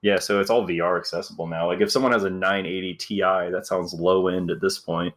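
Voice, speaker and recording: A man's voice: low-pitched, fairly even intonation, brisk, fairly bright tone. A man, a game developer, chatting casually on a live stream and telling stories with acted-out quotes.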